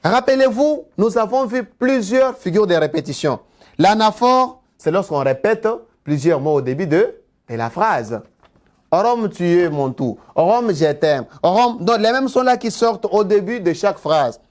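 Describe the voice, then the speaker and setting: A man teaching an exam-prep lesson, slowly repeating key words and asking his students rhetorical questions. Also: sits high, lively intonation. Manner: slow and deliberate, repeats key words, spells out terms; asks the class rhetorical questions.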